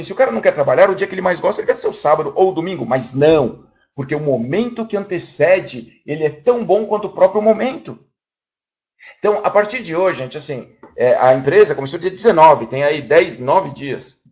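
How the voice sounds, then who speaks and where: Lively man telling a parable. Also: fairly high pitch. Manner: storytelling, keeps addressing the crowd as "gente". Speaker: trainer. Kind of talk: motivational talk to a room.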